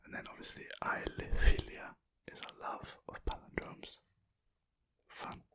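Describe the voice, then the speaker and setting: Whispering softly and without voice into a sensitive microphone held close, an ASMR creator reads lines aloud, rambling and poking fun at themself. The delivery is unhurried.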